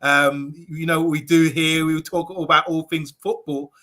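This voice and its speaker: A man hosts a football channel and welcomes his guest, his voice sitting a little high and sounding bright and forceful. He works through the introduction haltingly, padding it with many fillers. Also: little pitch movement. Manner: hesitant, filler-heavy. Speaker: host. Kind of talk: interview host introduction.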